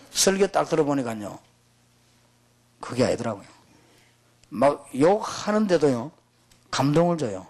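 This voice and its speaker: A man's voice: medium pitch, a little mellow. A middle-aged man, preaching to pastors in an emphatic, storytelling way. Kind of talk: sermon to pastors.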